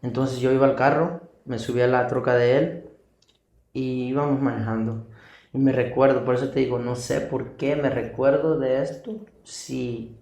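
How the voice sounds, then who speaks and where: A man's voice: mid-range voice, steady tone, normal speed, darkish tone. A young man giving an earnest personal testimony, recounting events vividly with repetition. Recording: distant echoey room mic.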